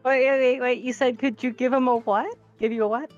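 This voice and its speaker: A woman's voice: high-pitched, fairly even intonation, brisk, a little mellow, lo-fi sound. A woman chatting casually as a player in a tabletop game, playful and exclamatory. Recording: music behind the voice.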